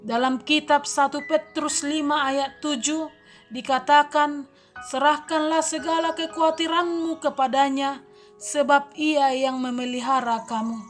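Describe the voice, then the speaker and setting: A woman deaconess giving a daily devotional sermon in a calm, earnest preaching manner, addressing her congregation directly. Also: high-pitched, unhurried, soft background music.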